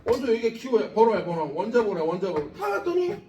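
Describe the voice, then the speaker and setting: Man, high lively voice, cussing and joking, echoey classroom, distant mic. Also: quick pace, lo-fi sound, slight background noise. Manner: blunt, profane and joking, fires questions at students. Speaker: science lecturer at a cram school. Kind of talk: classroom lecture.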